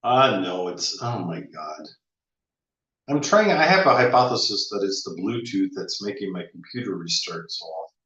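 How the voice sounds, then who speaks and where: A man's voice: deep voice, sing-song, normal speed, bright, forceful tone. A man in casual conversation, musing with a wry, teasing manner and many restarts. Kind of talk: casual reflective chat. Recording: roomy, slightly dull audio.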